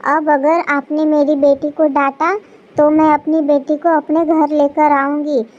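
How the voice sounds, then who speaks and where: A woman voicing a meddling, bossy mother of the bride in an animated story, giving scheming orders. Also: sits high, a little slow, highs cut off.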